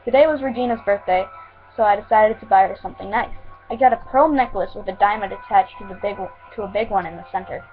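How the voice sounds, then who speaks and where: A woman reads her own fan fiction aloud in a plain, steady voice, at an ordinary pitch. She stumbles and corrects herself now and then. The recording is thin and tinny, like a phone line. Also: fast, faint music behind. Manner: plain, steady reading with small slips.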